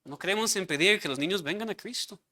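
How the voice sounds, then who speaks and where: A man's voice: high-pitched, fast talker, pushed and bright. A man preaching a sermon as pastor, earnestly putting questions to his congregation.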